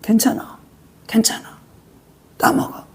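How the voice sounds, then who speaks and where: A preacher voicing Satan as a tempter who speaks softly and keeps urging someone to give in. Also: mid-range voice, expressive, unhurried, gravelly, husky, voice pushed down, exaggerated voice. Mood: coaxing. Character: coaxing tempter Satan speaking through the serpent.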